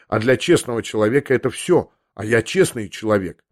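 A man narrating a classic novel as an audiobook, expressive and acting out the dialogue. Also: on the low side, fairly quick, no echo, clean studio sound.

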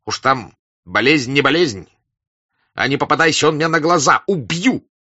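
A man voicing a hot-tempered hussar officer who shouts bluntly with a rolling r, on a dull, dry lo-fi recording. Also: mid-range voice, expressive, unhurried, no room sound, voice pushed up. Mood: fierce.

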